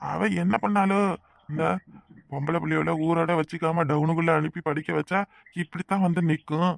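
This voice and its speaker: A man's voice: fairly high pitch, creaky, no echo, studio quality. A man voicing a preachy, gossiping older village uncle in a cartoon, speaking with a Kanyakumari Tamil accent. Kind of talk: cartoon voice acting.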